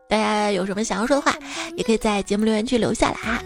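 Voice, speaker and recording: A young woman hosting a comedy podcast, reading listener jokes in a lively, casual way and laughing at them. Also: mid-range voice, brisk, soft background music.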